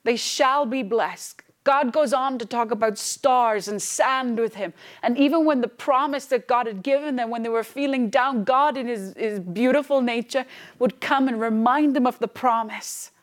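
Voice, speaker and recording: A woman's voice: on the high side, moderate pace. A woman in her thirties, a pastor preaching a fervent, emphatic sermon and repeating phrases for stress. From Wales.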